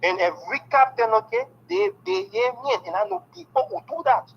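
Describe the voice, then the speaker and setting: A native speaker from Haiti answers interview questions candidly and emphatically, excited and constantly dropping in "okay." His voice is extremely high and a little fast, with dull audio and a slight hiss or hum.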